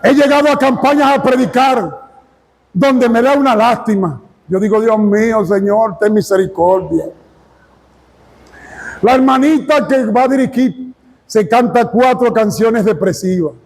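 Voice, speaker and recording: High-voiced preaching man, shouting climaxes. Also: normal speed, in a large hall, poor audio. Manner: speaks in tongues at the peaks. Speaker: pastor. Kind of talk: fiery sermon.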